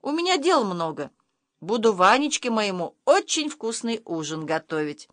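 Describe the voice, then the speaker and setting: A coldly polite mother talks in a formal, prim manner, voiced by a woman narrator. The reading is lively, with a close, dry sound. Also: medium pitch, normal speed, no echo.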